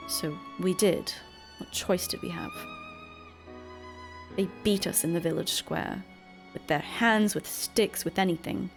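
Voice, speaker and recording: A woman voicing a protective teenage boy from a video game, bitter and weary, with a grave, pleading delivery. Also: fairly low pitch. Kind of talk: reading video game dialogue.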